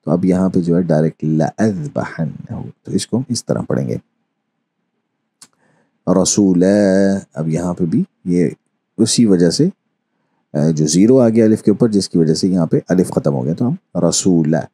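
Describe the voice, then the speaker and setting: Man, teacher, low voice, very dark tone, husky, patient explanations. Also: animated. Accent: Urdu-speaking Pakistani. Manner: explains patiently, mixes in English phrases, recites verses slowly. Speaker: Quran recitation teacher. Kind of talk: online lesson.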